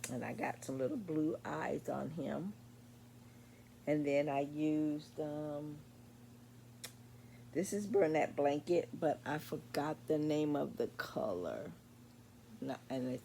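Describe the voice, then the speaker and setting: A drowsy woman in her sixties chats unhurriedly through her day's crafts, her words drawn out and slow. Her voice is mellow and gravelly, and she drifts between thoughts with frequent ums. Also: deep voice, slight background noise. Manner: slow, meandering, many pauses and ums. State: sleepy, late at night. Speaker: crochet vlogger. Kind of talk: casual show-and-tell vlog.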